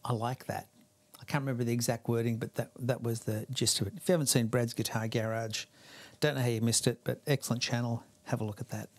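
A man's voice: medium pitch, flat delivery, quick pace. Chatty man explaining an amp repair. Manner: chatty, explains step by step while working. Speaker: guitar amp repair technician. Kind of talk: hands-on repair tutorial.

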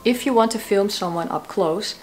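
A woman's voice: mid-range voice, normal speed, faint music behind. A woman in her thirties sharing tips to camera from a small cozy room, with a dry, self-mocking humor. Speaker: YouTube creator. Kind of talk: talking-head tips video.

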